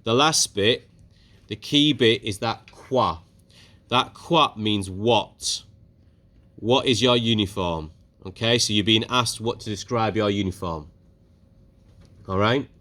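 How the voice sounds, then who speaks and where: A man teaching a French speaking lesson to his class, brisk and encouraging, putting questions to the pupils. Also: lowish voice, pushed and bright. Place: school classroom.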